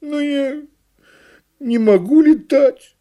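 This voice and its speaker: A man reading a storybook and voicing a gentle, good-natured young elephant in a soft, mellow voice. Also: very high-pitched, slow pace, pitched above the performer's own voice.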